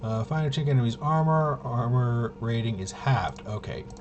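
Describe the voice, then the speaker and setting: A solo tabletop RPG player and presenter, a man with a medium-pitched, expressive voice at a moderate pace, casually walks through gameplay. He thinks aloud and mutters hesitantly to himself as he works things out. The recording is muffled, with a noisy background.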